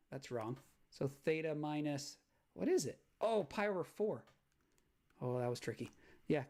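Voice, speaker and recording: A man's voice: on the high side, darkish tone. A man teaching a math lesson on video, explaining graph sketching step by step and checking in with "right?". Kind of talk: recorded lecture walkthrough.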